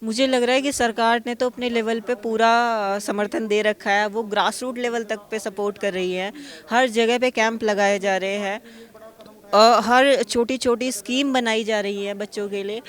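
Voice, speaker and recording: A young woman athlete from Uttar Pradesh, talking excitedly and earnestly in an on-the-spot news interview at an outdoor awards event. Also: a little high. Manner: excited, talks fast and earnestly.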